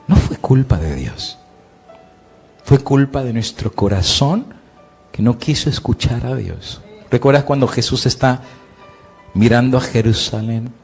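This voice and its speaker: A middle-aged man preaching a sermon, his voice slightly husky. He swings between loud, high-pitched peaks and low, quiet lines, and he asks his listeners questions before answering them himself. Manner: preaching with sweeping rises and drops in pitch and volume. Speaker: pastor.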